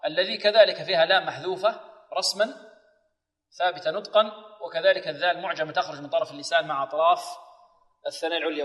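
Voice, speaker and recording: A man teaching tajweed, who slows into long drawn-out recitation of verses and answers his own questions to students. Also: fairly high pitch, fairly bright tone. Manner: asks students questions and answers them himself. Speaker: Quran recitation teacher and presenter. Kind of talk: tajweed lesson with recited examples. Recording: long reverb, voice distant from the mic.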